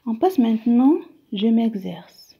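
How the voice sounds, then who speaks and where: A woman's voice: on the high side, sing-song, takes it slowly, vocal fry, slightly rough. A woman teaching a grammar lesson, patiently repeating each phrase and often dropping to a whisper. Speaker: primary school teacher. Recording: dull lo-fi recording.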